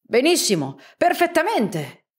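A woman voicing an excitable, impatient male professor in a storybook reading, with eager, exclamatory lines. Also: a little high, measured pace, pitched above the performer's own voice. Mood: excited.

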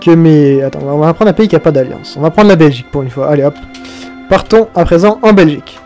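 A man's voice: a little high, quick pace, dark tone, soft background music. A young man hosting a casual game tutorial, chatty, swearing now and then and breaking into mock-dramatic outbursts. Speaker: video game tutorial host.

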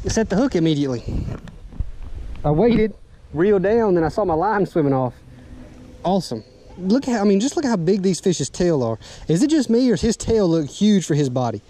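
Excited man fishing outdoors. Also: sits high. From Southern US. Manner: excited, folksy, talks to viewers. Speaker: fishing vlogger. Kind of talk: casual fishing commentary. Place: outdoors on a boat and bank, wind and water. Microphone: action camera. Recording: outdoor camera audio with noise.

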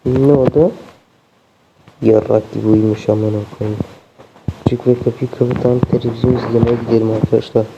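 A man's voice: mid-range voice, flat delivery, normal speed, pauses often, noisy background. A young man commentating a game as he plays, swearing constantly and sounding exasperated. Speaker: gameplay streamer. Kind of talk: let's play commentary. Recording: dull lo-fi sound.

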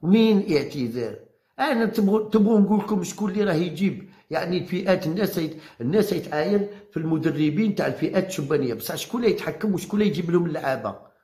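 A man with an Algerian Arabic accent rattles off a combative monologue at a rapid clip, hammering the same phrases as he challenges his viewers. His voice sits a little high for a man, and the room around him rings with a noticeable echo. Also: animated, warm tone. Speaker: football commentator vlogger.

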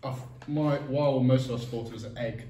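A young British man with a middle-pitched voice leads a casual taste test, pausing often with fillers. He is picked up from across a roomy space by a distant mic, with clear background noise. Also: steady tone, dark tone. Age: young adult. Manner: hesitant, lots of fillers. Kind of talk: casual group chat.

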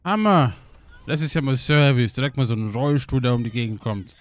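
A young man giving casual, excitable gaming commentary, swearing and laughing often as he plays. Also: mid-range voice, a little fast, a little hiss or hum. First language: German. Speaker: let's play gamer.

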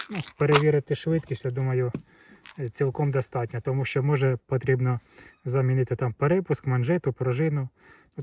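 An airgun vlogger with a Ukrainian accent and a warm, medium-pitched voice calmly tests an air pistol and reports the chronograph readings. The microphone sits far away, picking up a noisy background.

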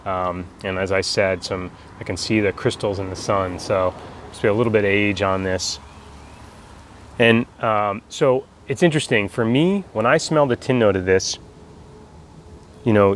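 American man, forties, fairly deep voice, casual reviewer chat, halting delivery, backyard recording, faint ambient noise. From United States. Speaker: pipe tobacco reviewer. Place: outdoors in a backyard garden. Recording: outdoor ambient background noise.

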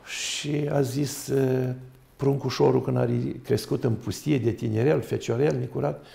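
Man, a monk on a talk show, gravelly voice, piles up long lists when he preaches. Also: mid-range voice, fairly even intonation, mellow. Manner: emphatic, lists things in long runs. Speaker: monk, guest. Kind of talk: storytelling talk-show sermon. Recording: roomy echo.

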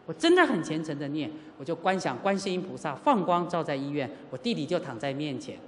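A middle-aged Buddhist teacher from Taiwan preaches with lively rises and falls in pitch. The teacher acts out dialogue and keeps asking the listeners rhetorical questions. A long hall reverb trails every phrase. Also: fairly quick, slight background noise. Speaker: Buddhist teacher giving a sutra lecture. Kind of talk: sermon with personal storytelling. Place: lecture hall at a Buddhist centre.

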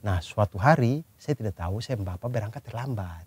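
A man's voice: on the low side, fairly quick, slightly rough. A man telling a childhood story in casual chat with friends, acting out the scene as he goes. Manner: animated storyteller, acts out scenes with gestures.

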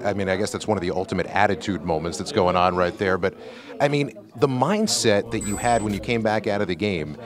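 A man's voice: fairly low pitch, brisk, a crowd in the background. A middle-aged man interviewing a player after a game in a locker room, asking long run-on questions. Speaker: sports interviewer. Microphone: handheld mic.

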